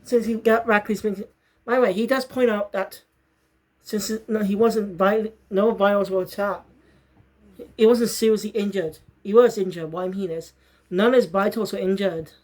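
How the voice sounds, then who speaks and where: A woman chats through an episode recap in a loose, unscripted way. She often stops to correct herself mid-sentence. Her voice sits at an ordinary middle pitch. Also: steady tone, moderate pace, a little mellow. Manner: rambling, self-correcting, bursts into fits of laughter. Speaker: show reviewer. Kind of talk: casual spoken review.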